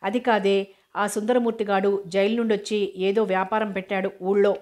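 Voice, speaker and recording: A woman reading a novel aloud as an audiobook narrator, steady and even, with an occasional restart of a word. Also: mid-range voice, moderate pace.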